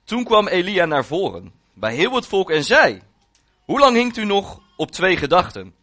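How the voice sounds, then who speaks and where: A man's voice: high-pitched, big pitch swings, normal speed, sharp tone. A male preacher reading a long scripture passage aloud as part of his sermon, solemn and with rising emphasis.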